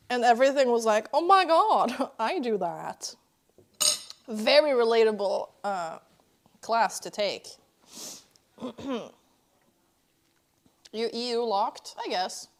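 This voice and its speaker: She's a streamer from Norway, a native Norwegian speaker with a slightly high voice, chatting casually as she eats on stream. Talkative, she speaks between bites and reads messages from the chat aloud.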